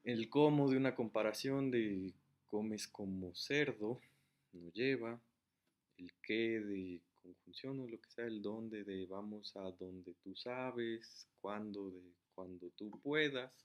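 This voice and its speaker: A man giving a casual, step-by-step grammar lesson while writing on a board. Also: on the low side. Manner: casual, explains step by step, writes while talking. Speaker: teacher.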